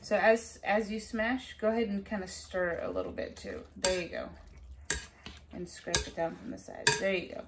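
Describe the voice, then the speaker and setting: A woman hosts a relaxed home cooking video, explaining each step in a chatty, instructive way. Her voice sits at an ordinary middle pitch. Pots, dishes and silverware clink steadily in the kitchen around her. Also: moderate pace, very noisy. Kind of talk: casual cooking tutorial. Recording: kitchen clatter of dishes and utensils. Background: clinking dishes and cutlery.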